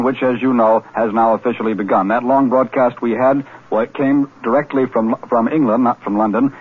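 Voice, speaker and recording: A man's voice: medium pitch, husky. A man anchoring live wartime radio news coverage, reading wire bulletins with brief hesitant asides, heard as an old 1940s radio newsreel. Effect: old 1940s radio newsreel sound. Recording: tinny lo-fi 1940s radio broadcast.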